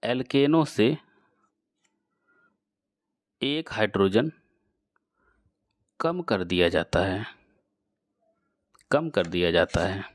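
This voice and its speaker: A man teaching a chemistry lesson to students, explaining slowly and repeating key phrases as he addresses the class directly. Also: on the low side, expressive, no room sound, clean studio sound. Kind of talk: classroom lecture.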